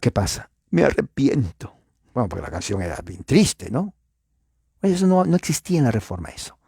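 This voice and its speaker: Guy doing a casual history lecture, lots of "eh" and "right?", mellow tone, dry close sound. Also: on the low side, big pitch swings, brisk, vocal fry, husky, dry recording. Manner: chatty, rhetorical questions, frequent filler sounds; speaks directly to viewers. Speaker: church history teacher. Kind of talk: informal lecture.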